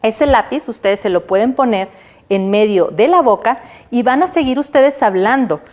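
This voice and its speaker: A woman's voice: a little high, expressive, normal speed, darkish tone. A woman lecturer from Mexico teaching a recorded university class. She asks the class questions and answers them herself, and checks in with "¿sí?" as she goes. Now and then she acts out what she explains, such as a way of walking. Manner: checks in with the listener by adding "¿sí?"; demonstrates walking and a pencil exercise while she talks.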